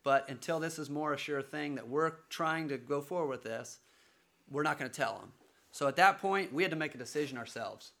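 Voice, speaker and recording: A man telling, in a casual conversational way, how his family chose to follow a calling, speaking earnestly with halting restarts. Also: fairly high pitch, gravelly, sharp tone. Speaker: father sharing a family's mission call.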